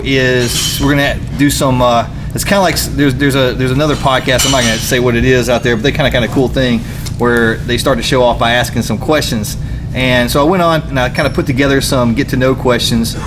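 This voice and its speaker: A man's voice: medium pitch, background noise. A man in his forties hosting a live podcast in a loose, rambling way and laughing easily. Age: 40s. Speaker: podcast host. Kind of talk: casual live podcast chat.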